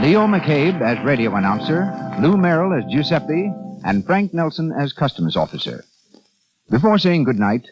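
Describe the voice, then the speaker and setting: A man announcing credits in formal style, heard as an old radio show broadcast. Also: fairly high pitch. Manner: formal, lively announcer delivery. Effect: old radio show broadcast sound. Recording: dull 1930s radio recording with music and audience.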